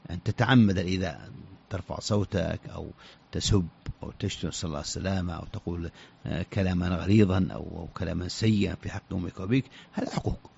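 A man giving religious rulings on a radio show, halting and often repeating words as he searches for the next one, on a dull lo-fi recording. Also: low voice, creaky, a little mellow, slightly rough. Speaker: scholar answering religious questions. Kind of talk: radio fatwa answers.

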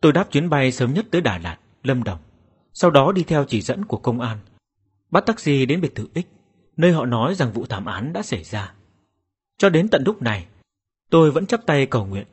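A man's voice: mid-range voice, very animated, moderate pace, breathy edge. A man narrating a first-person horror story in a dramatic, suspenseful way. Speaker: audiobook narrator.

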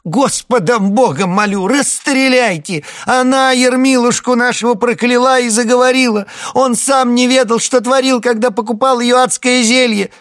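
A man voicing a frantic middle-aged peasant woman who wails and pleads in a shrill voice. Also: steady tone, normal speed, few pauses, a bit bright. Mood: shrill pleading.

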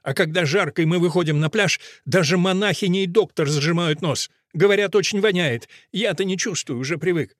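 A man reading an audiobook, voicing a sick crippled man who shouts and pleads insistently. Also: sits high, a little fast, hardly any pauses, dry recording, studio quality. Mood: eager.

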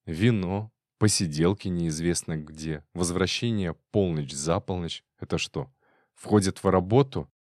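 A man with a deep voice voicing a young, jealous, angry husband in an audiobook, harsh and biting. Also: unhurried, no echo, studio quality. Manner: jealous, shouting through teeth.

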